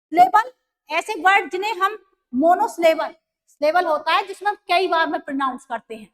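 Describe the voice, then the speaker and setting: Woman, very high voice, patient teacher, repeats key words. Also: expressive, normal speed. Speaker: English teacher. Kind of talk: grammar lesson in Hindi.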